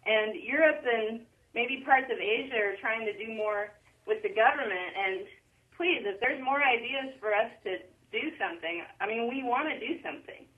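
A woman's voice: a little high, moderate pace. A woman calling into a show on speakerphone, talking in an earnest, rambling, hesitant way. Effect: phone call on speakerphone. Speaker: caller. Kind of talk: casual call-in chat. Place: at her workplace. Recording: tinny phone line, far from mic.

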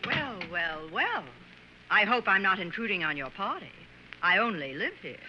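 A woman's voice: medium pitch, sing-song, normal speed, sharp tone. An actress playing an exasperated, temperamental American female star, dry and sarcastic, in old-time radio drama style. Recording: muffled old recording, faint noise.

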